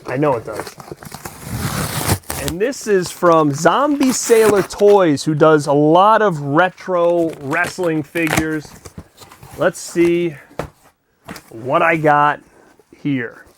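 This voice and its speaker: Excitable chatty man unboxing his haul. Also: on the high side, slow, pauses often, background noise. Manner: excitable, chatty, swears casually. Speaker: collector vlogger and host. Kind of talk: casual unboxing vlog.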